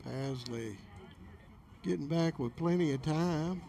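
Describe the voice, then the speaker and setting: A male play-by-play commentator calls a baseball game at an unhurried, slow pace. His voice sits a little high for a man and has a gravelly fry. Faint outdoor noise sits behind him. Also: mellow.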